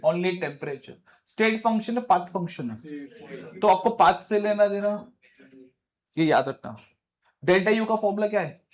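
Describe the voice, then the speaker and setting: Brisk high-voiced male physics teacher. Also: expressive. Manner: brisk, quizzing students, informal address. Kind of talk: classroom lecture.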